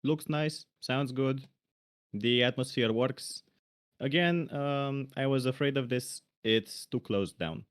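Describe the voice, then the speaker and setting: A man's voice: medium pitch, slow, clear, resonant tone. A man co-hosting a casual livestream, giving blunt, opinionated critiques of game jam entries. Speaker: stream co-host reviewing game jam entries.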